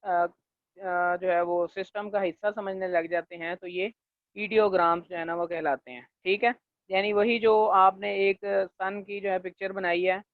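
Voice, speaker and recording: A male linguistics lecturer teaching a class, leaning on fillers and checking in often, and slowing down to dictate definitions. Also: sits high, fairly even intonation, dry recording. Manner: leans on the filler "jo hai na" and checks in with "theek hai"; slows down to dictate English definitions. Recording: tinny, dry, phone-like recording.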